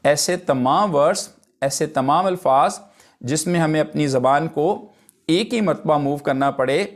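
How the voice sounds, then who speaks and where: A man teaching phonetics, who explains in Urdu-Hindi and slows right down for definitions, repeating each point in several phrasings. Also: fairly high pitch. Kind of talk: spoken lesson.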